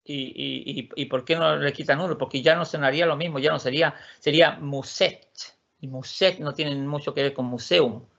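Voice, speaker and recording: A man teaching a class online, repeating words slowly to model their pronunciation. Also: fairly high pitch, fairly even intonation, vocal fry, a bit bright. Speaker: Swedish teacher. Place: lives in Sweden. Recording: lo-fi muffled audio.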